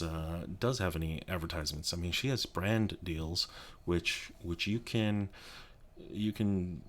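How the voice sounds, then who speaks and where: A very low-pitched man in his thirties, from Colorado, chats softly for an ASMR video. He rambles and trips over restarts, keeping his voice down in his home office so as not to wake his kid. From Colorado, USA. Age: 30s. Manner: rambling, halting, many restarts and fillers; speaking quietly so as not to wake a child. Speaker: YouTube creator. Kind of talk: soft-spoken ASMR chat.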